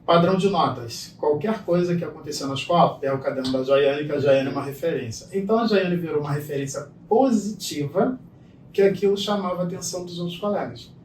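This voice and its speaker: Man, middle-aged, storytelling guest, acts out dialogue, slightly high voice, roomy echo. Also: a little fast, darkish tone. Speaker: guest speaker. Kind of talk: storytelling conversation. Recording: echoey room, distant mic, faint noise.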